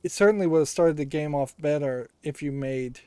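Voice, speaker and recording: A man's voice: fairly high pitch, brisk, dark tone, clear, resonant tone, dry recording. A man giving casual, analytical video game commentary, musing aloud as he plays. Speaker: host of a video game playthrough. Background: game music.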